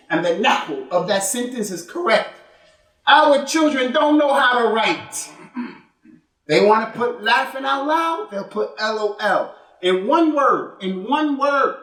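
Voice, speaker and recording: An imam delivers an emphatic Friday sermon in a mosque prayer hall, repeating his points, asking rhetorical questions, and mixing Arabic religious terms into his English. His voice is high-pitched and fairly bright. The hall is echoey, and he is recorded from some distance.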